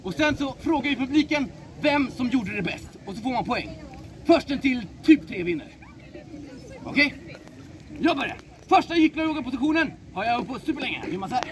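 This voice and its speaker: A woman playfully leading a game outdoors, calling out loudly to a cheering audience. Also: sits high. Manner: animated, calls out loudly to the audience. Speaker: game leader. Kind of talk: playful game hosting for a crowd. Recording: loud crowd and street noise.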